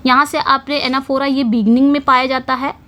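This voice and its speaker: A woman teaching English literature for exams, explaining each question in Hindi and reading the English slowly, repeating key words as she writes on a board. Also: sits high, flat delivery, pushed and bright, a little hiss or hum. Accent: Indian English. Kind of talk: exam-prep lesson.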